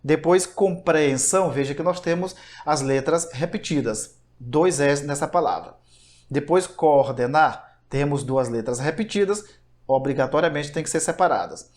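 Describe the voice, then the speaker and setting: A man's voice: a little high, moderate pace, darkish tone. A man teaching a grammar lesson online, explaining step by step and asking himself rhetorical questions.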